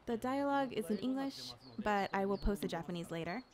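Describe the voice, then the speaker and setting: A woman narrates a video game walkthrough in a casual, explanatory way, voicing a director's commentary in English. Her pitch sits in the middle of the usual female range. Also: expressive, brisk, darkish tone.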